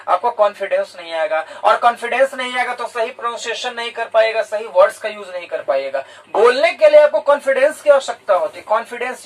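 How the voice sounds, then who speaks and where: A man's voice: high-pitched, distant mic, poor audio. A man from India, a teacher giving a motivational talk to students, explaining points and repeating key words in two languages. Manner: explanatory, repeats key words in English and Hindi, addresses listeners directly.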